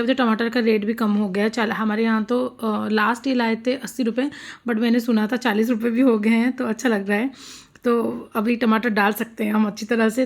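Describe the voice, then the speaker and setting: Chatty woman narrating a home vlog. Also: fairly high pitch. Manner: chatty, amused, full of fillers. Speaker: vlogger; mother and homemaker. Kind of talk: casual vlog voice-over narration.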